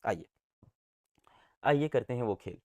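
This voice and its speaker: A man's voice: medium pitch, slow, dry recording. A man teaching a science lesson in a playful, sing-song way, repeating key words, quizzing his students and making sound effects.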